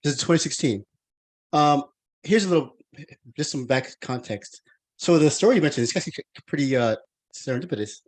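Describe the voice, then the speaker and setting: A man's voice: a little high, animated, a little fast, pauses often. Rambling American man hosting a podcast. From United States. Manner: rambling, many restarts and fillers. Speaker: podcast host. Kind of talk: casual interview chat.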